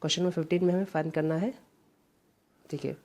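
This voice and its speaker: Low, mellow-voiced woman teaching grammar. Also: fairly even intonation, fast talker. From India. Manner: explains step by step, repeating key words. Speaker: English teacher. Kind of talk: exam-prep grammar lesson.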